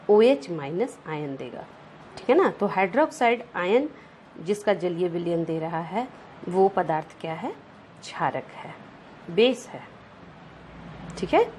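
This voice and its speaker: Woman teacher checking in with quick questions. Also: mid-range voice, slight background noise. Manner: checks in often with rhetorical questions; mixes English terms into explanations. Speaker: science teacher. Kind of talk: slide-based science lesson.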